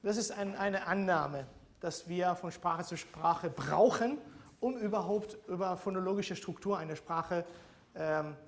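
Man lecturing, checking in often. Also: high-pitched. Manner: explanatory, checks in with frequent "ja?". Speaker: university lecturer. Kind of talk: seminar lecture.

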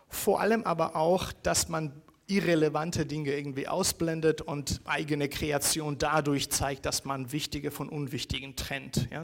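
Hesitant lecturing man. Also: fairly high pitch. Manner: hesitant, many fillers, rhetorical "ja?" checks. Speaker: university lecturer.

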